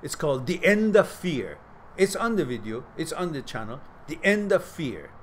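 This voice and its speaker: A man's voice: a little high, very animated, moderate pace, slight background noise. A middle-aged man hosting a live question-and-answer stream, giving reflective advice and reading out viewers' messages. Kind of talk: casual live advice talk.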